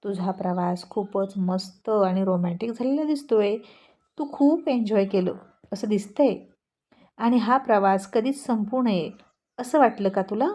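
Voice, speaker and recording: A woman's voice: mid-range voice, measured pace, dark tone, natural voice. A woman voicing a cheeky young man who teases his brother in a storybook tale. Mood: teasing. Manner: teasing.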